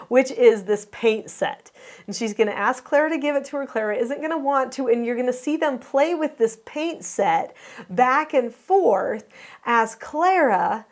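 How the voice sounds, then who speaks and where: A woman hosting, earnestly explaining a home video to viewers and asking them questions. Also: high voice. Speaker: host and parenting teacher.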